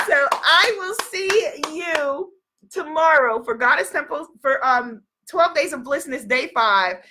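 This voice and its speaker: A spiritual life coach with a cold sniffles through her motivational livestream, speaking a little slowly in a high-pitched, animated, pushed and bright voice. She's emphatic and encouraging, repeating affirmations and key phrases for effect.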